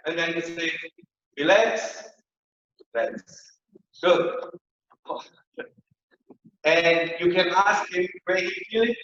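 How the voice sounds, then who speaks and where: Guy walking through a therapy workshop, high voice, slow, soaked in heavy echo, muffled old-sounding audio. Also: fairly bright tone. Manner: plain, simple explanatory phrasing, unhurried. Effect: heavy echo chamber sound, dull lo-fi tone. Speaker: rehabilitation therapy instructor. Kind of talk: online workshop demonstration. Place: indoor rehab center rooms. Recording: very echoey room, muffled lo-fi sound.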